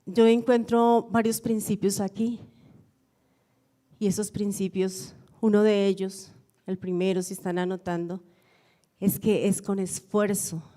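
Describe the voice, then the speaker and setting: A woman pastor delivers a sermon. Her voice is mellow and warm, at an ordinary middle pitch. She tells stories reflectively and repeats phrases for emphasis. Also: little pitch movement, a little slow. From Colombia.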